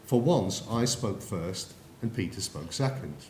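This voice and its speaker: An English man delivers a presentation in a lecture hall, turning to the audience with questions and stories. His voice sits a little low, and the room rings with echo under a faint hiss. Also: animated, a little slow, darkish tone. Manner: anecdotal, addresses the audience directly. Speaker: conference speaker.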